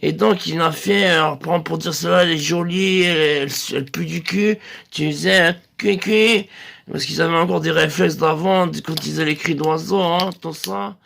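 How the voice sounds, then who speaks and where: A man telling a rambling comic story in a loose, hesitant way, now and then breaking into shrill bird-call squeals. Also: fairly even intonation, fairly quick, vocal fry, fairly bright tone. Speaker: comedian.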